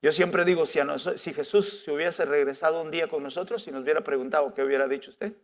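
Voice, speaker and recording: High-voiced man preaching a sermon. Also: fast talker. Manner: rhetorical questions with frequent "¿verdad?"; emphatic, conversational preaching. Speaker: pastor.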